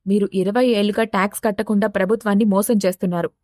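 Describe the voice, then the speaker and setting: A woman voicing a male police officer who speaks in a brisk, formal, official way. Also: medium pitch, steady tone, a little mellow, no echo, clean studio sound, lightly acted.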